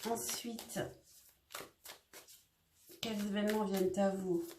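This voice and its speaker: A woman's voice: medium pitch, fairly even intonation, takes it slowly, background noise. A woman doing a casual tarot reading, talking hesitantly with lots of fillers and restarts. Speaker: tarot reader. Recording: echoey room.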